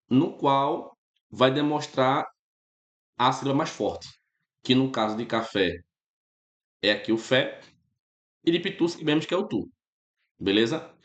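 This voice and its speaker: A man's voice: mid-range voice, animated, unhurried, long pauses, echoey room. A man with a Brazilian Portuguese accent teaches a grammar class in a loose, chatty way. He checks in with his students after almost every point. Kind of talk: casual spoken grammar lesson.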